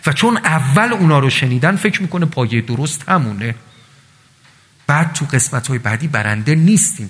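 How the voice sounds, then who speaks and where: A man preaching a religious sermon to a gathering, telling stories in a lively, animated way with voiced asides. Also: on the high side. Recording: long reverb of a large hall.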